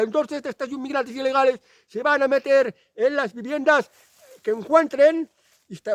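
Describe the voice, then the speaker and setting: A man with a Spanish accent from Spain gives an indignant, emphatic monologue, driving each point home by repeating it. His voice sits very high for a man. It is recorded dry and close, with no room sound at all. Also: fairly bright tone, no room sound. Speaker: channel host. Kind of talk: opinion monologue.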